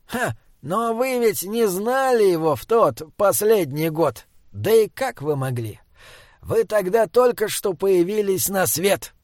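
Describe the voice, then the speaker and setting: A man's voice: high-pitched, expressive, takes it slowly, a little mellow, no room sound, clean studio sound, pitched above the performer's own voice. A man voicing a small, cranky old male jester who tells tales in a grumbling way. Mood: musing. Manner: grumbling, irritable storyteller.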